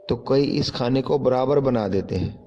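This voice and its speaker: A man's voice: mid-range voice, moderate pace, dark tone, dull audio. A man teaching how to write letters step by step, carefully pointing out common mistakes and repeating corrections. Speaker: Punjabi writing teacher. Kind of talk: step-by-step handwriting lesson.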